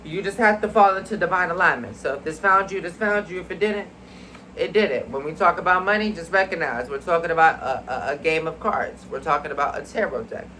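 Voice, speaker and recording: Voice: medium pitch, brisk, bright, forceful tone, a little hiss or hum, rough recording. A spiritual card reader in a casual, rambling video, talking mystically to viewers as y'all and sounding a bit congested. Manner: chatty, addresses viewers as y'all.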